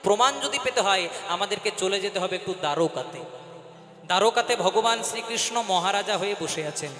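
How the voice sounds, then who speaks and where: A man's voice: high-pitched, lively intonation, normal speed, fairly bright tone. A man giving a devotional kirtan sermon, telling a story with rhetorical questions and chanted verses. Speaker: kirtan singer and preacher. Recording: reverberant hall with backing music.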